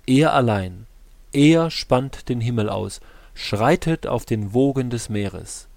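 A man reading scripture aloud in a slow, measured, solemn way. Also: medium pitch, lively intonation, vocal fry, a little mellow, dry recording. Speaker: scripture reader.

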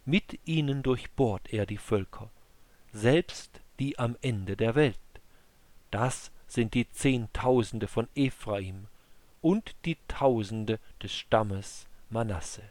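A man reads scripture as an audiobook narrator, in an unhurried, solemn recitation. His pitch sits in an ordinary middle range, and he takes his time over each phrase. The sound is close and dry, with no room around it. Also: a little mellow, no room sound. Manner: slow, measured, solemn recitation.

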